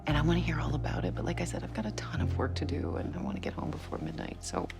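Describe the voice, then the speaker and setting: An actress playing a quick-talking woman who confides in a colleague in a brisk, hurried way. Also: sits low, sing-song, vocal fry, music in the background, full character voice.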